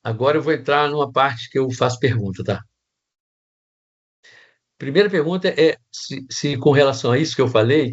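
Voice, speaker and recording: A man's voice: mid-range voice, dull audio. A man with a Brazilian Portuguese accent teaching set design in a casual online class, rambling with restarts and many tag questions.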